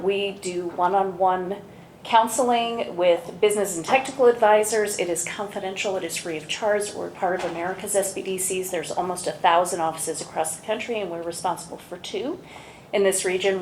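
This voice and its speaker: A woman presenting an award at a gala, enthusiastic and brisk, briefly going off script. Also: lowish voice. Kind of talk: presentation speech. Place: large event hall. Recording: echoey hall, faint room noise.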